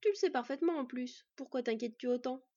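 A woman's voice: sits high, fast talker, dark tone, lo-fi sound. A woman voicing a young half-elf man in a read-aloud story, teasing and trying to sound confident and soothing. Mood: reassuring.

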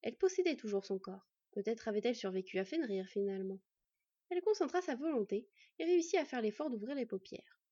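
Lady reading a storybook, kinda high, dark mellow tone, dry muffled recording. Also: animated, fast talker, breathy edge, no room sound. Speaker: narrator. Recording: dull, slightly muffled recording.

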